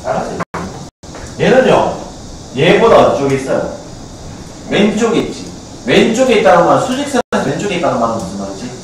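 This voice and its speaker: Male Gyeongsang math teacher, high lively voice, quizzing students, taped from far back in an echoing classroom. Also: slight background noise. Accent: Gyeongsang Korean. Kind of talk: classroom lecture. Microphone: far camcorder. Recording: echoey classroom from a far camcorder.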